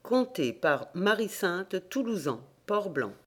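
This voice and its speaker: A man narrating folk legends for a volunteer audiobook, measured and steady. His storytelling moves at an even, unhurried clip, clear and plain, close to a home microphone. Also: sits high, faint music behind. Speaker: audiobook reader. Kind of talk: scripted narration of folk tales. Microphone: home recording mic.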